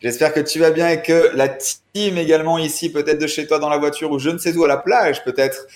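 A man's voice: on the high side, steady tone, fairly quick. Chatty man in an echoey room. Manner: rambling, chatty, many restarts. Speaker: podcast guest. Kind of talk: casual chat. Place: apartment room.

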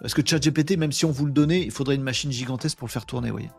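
A man's voice: medium pitch, very fast, vocal fry, breathy edge, faint music behind. A man hosting a live webinar, talking casually and with energy, using slang and addressing his chat viewers directly. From France. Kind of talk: casual live-stream talk.

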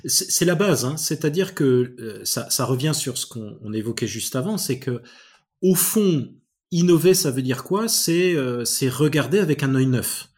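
A man with a slightly husky voice talks as an interview guest, laying out his ideas at length. He restarts often, repeating small words as he searches for the right phrase, but keeps a thoughtful, explanatory tone. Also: mid-range voice, expressive, normal speed, darkish tone. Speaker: guest expert on innovation.

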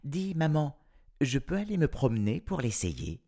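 A man's voice: on the high side, very animated, normal speed, warm tone, voice pushed up. A man voicing a frightened eight-year-old girl in a storybook tale, with dramatic, fearful exclamations. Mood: delighted.

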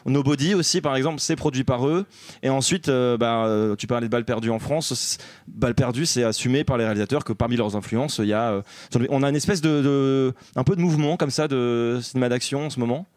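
A man's voice: medium pitch, fast, darkish tone, no echo, studio quality. A young man co-hosting a casual film chat in front of a live audience, rambling with many fillers and self-mocking jokes. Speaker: podcast co-host.

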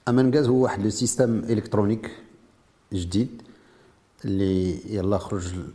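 Speaking briskly in a lowish, warm voice, this man presents his invention in an interview. His Moroccan Arabic accent comes through as he demonstrates the product, slipping French technical vocabulary into his explanation.

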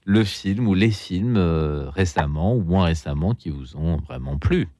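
A man's voice: low voice, lively intonation, a little slow, mellow, no echo, clean studio sound. A man hosting a live radio phone-in, chatting with callers in a joking, self-deprecating way.

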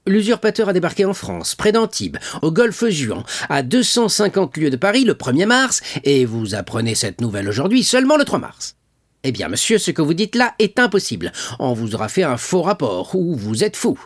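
A man reading an audiobook, voicing an imperious, angry old king with a sharp, commanding, incredulous manner and a husky voice. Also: mid-range voice, animated, normal speed, voice pushed up. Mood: indignant.

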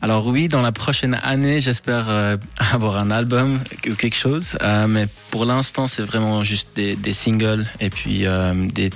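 A calm man giving a casual interview in halting French, slipping in words. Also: fairly low pitch, vocal fry, soft background music. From Switzerland or Britain. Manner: hesitant, halting French with English words mixed in. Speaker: pop singer, interview guest.

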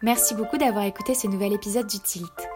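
A woman hosting a podcast, reading a scripted outro in a smooth, even delivery. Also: medium pitch, quick pace. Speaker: podcast host. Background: music.

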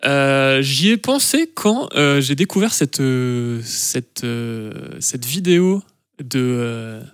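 A man co-hosting a podcast in a studio, running a game in a relaxed, hesitant way full of fillers. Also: medium pitch, no room sound. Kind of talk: casual chat.

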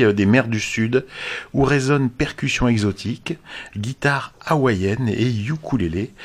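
Man, radio host, casual music chat, hesitant, repeats words, mid pitch.

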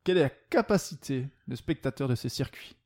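A man's voice: mid-range voice, animated, brisk, a little mellow. A man hosting a casual sports quiz among friends, teasing and laughing as he reads questions and keeps score. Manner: laughing, playful, self-mocking. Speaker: quiz host.

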